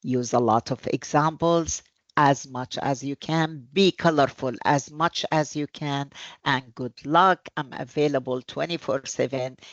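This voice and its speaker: A woman who teaches Arabic presents classroom tips in a webinar, telling stories earnestly with animated hesitations. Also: very deep voice, unhurried, dry recording, highs cut off.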